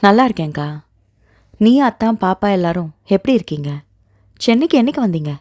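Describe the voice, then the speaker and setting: A woman's voice: medium pitch, lively intonation, fairly quick, a little mellow, no room sound, clean studio sound, natural voice. A woman voicing a young woman in love who speaks with pleading emotion. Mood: playful teasing. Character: young woman, tearful guilt-ridden heroine.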